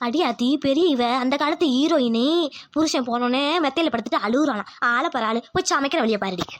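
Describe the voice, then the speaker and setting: A woman's voice: high-pitched, fairly quick, a bit bright, no echo. A woman playing a scolding village mother-in-law. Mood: scornful. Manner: scolding, mocking, brash.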